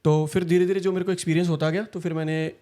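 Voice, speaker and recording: A young man from India telling his story in a casual interview, talking quickly and packing in fillers. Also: a little high, little pitch movement, warm tone. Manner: fast, storytelling, frequent fillers.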